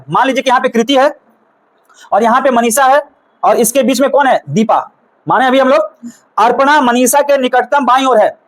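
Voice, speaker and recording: Teaching a reasoning class, a Bihari Hindi-accented man speaks at an extremely high pitch on a low-quality recording. He repeatedly asks the room questions and goes back over the puzzle step by step, gently and patiently.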